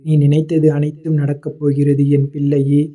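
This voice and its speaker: A man voicing a fatherly male god who calmly consoles a devotee in a devotional address, repeating tender words of endearment. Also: fairly high pitch, moderate pace, lightly acted. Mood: consoling. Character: fatherly male god comforting his child.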